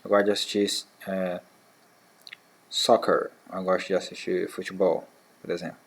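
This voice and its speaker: A man teaching a beginner English lesson to schoolchildren, saying model phrases slowly and repeating them, checking in with short "tá?" tags. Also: low voice, little pitch movement, vocal fry, breathy edge. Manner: slow, drawn-out model phrases, repeated for practice; fillers like "tá?" and "né". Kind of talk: English lesson for sixth graders.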